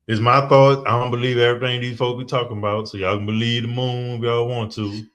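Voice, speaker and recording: A man co-hosting a podcast in casual chat, wry and skeptical, musing aloud with drawn-out pauses. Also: mid-range voice, level tone, fairly bright tone. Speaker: podcast co-host.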